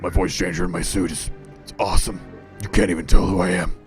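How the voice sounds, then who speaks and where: A man streaming a game puts on a disguised deep voice as a gruff male caped crusader, growling loudly and mock-seriously. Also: fairly even intonation, fast, faint music behind. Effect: disguised deep voice, claimed voice changer. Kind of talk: live game stream banter.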